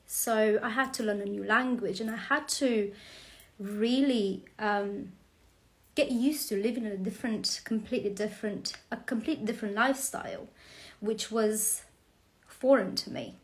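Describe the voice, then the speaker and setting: A woman in her forties from Romania hosts her first live stream, speaking slowly and hesitantly with many fillers. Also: mid-range voice. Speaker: host.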